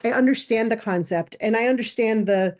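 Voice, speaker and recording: A woman's voice: on the high side, brisk, a little mellow. A woman hosting a podcast interview, asking questions hesitantly and searching for words with many fillers and restarts. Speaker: podcast host.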